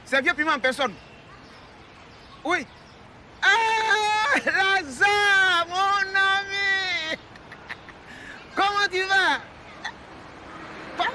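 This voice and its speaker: An actor with an Ivorian French accent playing a boastful, forgetful retired husband in his later years, teasing and loud in a sitcom. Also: extremely high pitch, noisy background, heavily acted. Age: older. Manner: boisterous, teasing, loud exclamations. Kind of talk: sitcom acting.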